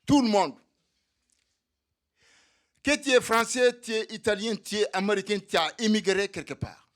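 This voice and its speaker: A man's voice: high voice, moderate pace, fairly bright tone. A man giving a militant speech to comrades at a solidarity evening, speaking for undocumented migrants and repeating his points to rally the room. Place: meeting hall.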